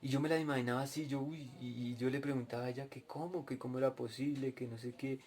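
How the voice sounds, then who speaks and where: Dark-voiced man preaching a testimony. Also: mid-range voice, fairly even intonation, quick pace. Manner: storytelling, addresses listeners directly. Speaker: preacher at a cell group. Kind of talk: testimony and Bible teaching.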